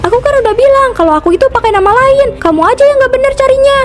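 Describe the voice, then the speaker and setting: A woman voicing Gita, a stubborn young woman who lies and talks back in a shrill, whiny, defensive way in a cartoon. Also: animated, quick pace. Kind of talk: cartoon voice acting.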